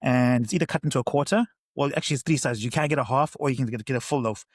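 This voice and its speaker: Chatty guy from south africa, talks quick, dry close mic, swears a bit. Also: medium pitch, no room sound. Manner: chatty storyteller, swears casually. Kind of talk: casual chat.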